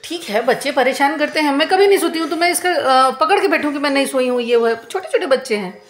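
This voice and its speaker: A woman's voice: high-pitched, fast, echoey room, soft background music. A woman in her thirties venting to camera at home, complaining in an aggrieved, repetitive way. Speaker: vlogger.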